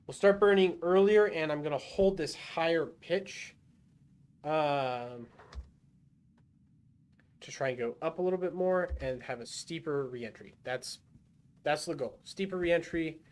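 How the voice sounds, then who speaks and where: A man's voice: a little high, measured pace, pauses often, a little mellow, clear, resonant tone. A man livestreaming a rocket game, thinking aloud and talking himself through each move. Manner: self-muttering with fillers and restarts. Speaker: gaming livestreamer. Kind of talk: casual live gameplay commentary.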